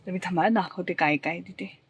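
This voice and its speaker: A woman's voice: fairly quick, poor audio. A young woman with a Marathi accent, talking casually to the camera in a family vlog, explaining her plans as she goes. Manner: baby talk to a toddler, high sing-song. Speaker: vlogger. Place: outdoors and in a car, rainy coastal day. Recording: phone vlog with clear background noise.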